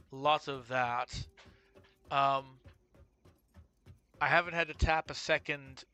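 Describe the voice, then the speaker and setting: Man, game streamer, casual commentary, thinks aloud, fillers and restarts, bright tone. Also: fairly high pitch.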